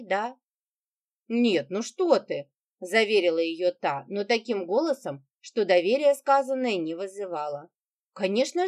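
A woman narrating an audiobook, giving each character's lines lively shifts in pitch.

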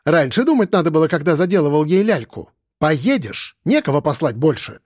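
A man's voice: a little high, very animated, moderate pace, no room sound, clean studio sound, pitched above the performer's own voice. A man reading an audiobook voices a domineering, bellowing middle-aged woman who runs a factory office and scolds her staff. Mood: scolding.

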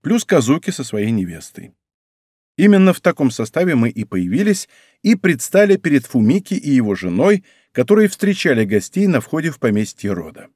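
Lively male audiobook narrator. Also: mid-range voice, brisk, husky, no room sound, studio quality. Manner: expressive, conversational storytelling. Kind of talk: first-person audiobook narration.

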